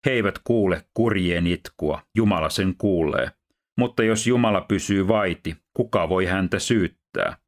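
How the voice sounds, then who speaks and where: Male scripture reader, deep low voice, steady measured pace. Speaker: Bible reader and teacher. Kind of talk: scripture reading.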